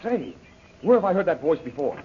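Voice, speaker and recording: Jungle Jim, cool defiant adventurer. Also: male voice, a little high, very animated, fairly quick. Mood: surprised. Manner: wry, forthright. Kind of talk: old-time radio adventure serial acting. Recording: muffled, noisy old radio recording.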